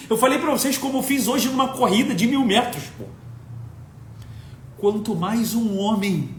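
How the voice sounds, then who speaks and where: High-voiced, emphatic Brazilian man. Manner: emphatic, blunt, swears for emphasis. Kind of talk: impassioned lecture to an audience. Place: at home. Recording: echoey room with faint rumble.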